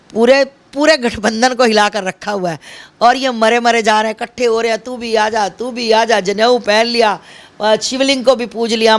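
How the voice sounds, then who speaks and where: A woman giving an impassioned interview, speaking in a fiery, emphatic way with repeated slogans. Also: fairly high pitch.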